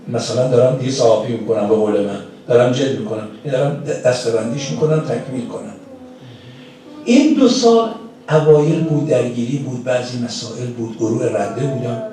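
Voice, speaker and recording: A man's voice: medium pitch, dark tone. A man with a Persian accent giving a religious lecture in a community center hall, explaining points step by step and putting rhetorical questions to the audience. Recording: distant mic in a very echoey hall.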